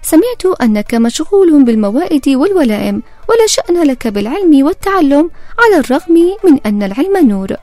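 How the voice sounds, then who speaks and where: A woman's voice: high voice, very animated, quick pace, warm tone, no echo. A woman reading the lines of a dignified, curious male caliph in a storybook tale, speaking in a courtly, questioning way. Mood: inquiring.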